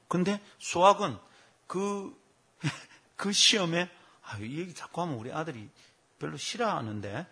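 A man's voice: on the high side, slightly rough. A man, preaching a sermon as a pastor and telling stories with acted quotes. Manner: animated storytelling with acted quotes.

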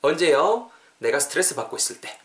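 A man hosting a podcast English lesson, drilling phrases and repeating lines for listeners to copy. He explains quickly in Korean and models the English slowly. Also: a little high, big pitch swings, a bit bright. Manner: switches between fast Korean explanation and slow English models. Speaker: English teacher, podcast host. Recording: roomy, echoey sound.

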